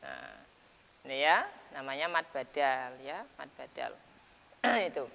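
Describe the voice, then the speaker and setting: A man teaching the rules of Quran recitation in a relaxed lesson, explaining step by step with frequent checks and fillers. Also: mid-range voice, a little slow, gravelly. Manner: explains patiently with many repeated checks and fillers. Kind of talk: informal tajwid lesson. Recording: dull lo-fi sound, long reverb.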